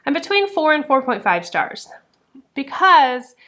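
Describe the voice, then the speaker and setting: A woman's voice: high voice, very animated, measured pace, pushed and bright, no room sound. A woman talking frankly about books in a casual vlog, often exasperated and swearing freely. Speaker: book vlogger. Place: in a truck on a hot day.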